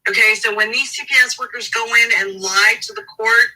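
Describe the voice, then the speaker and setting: A woman advocate in an interview, speaking emphatically and indignantly, slowing down to stress key words. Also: on the high side, fairly even intonation, pushed and bright, breathy edge, distant mic, poor audio. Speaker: advocate for a family in a custody case. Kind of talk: interview guest, reading court documents.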